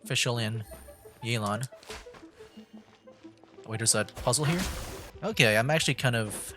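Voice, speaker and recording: This medium-pitched man has a fairly bright tone as he streams a game with soft music behind him. Working through puzzles, he comments casually and thinks aloud, restarting in halting bursts.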